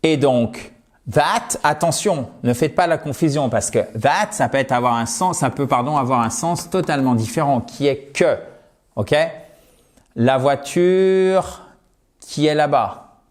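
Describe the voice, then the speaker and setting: A man's voice: fairly high pitch, animated, measured pace. A middle-aged French-speaking man teaching English in a video lesson at home, patiently modelling each word with exaggerated care.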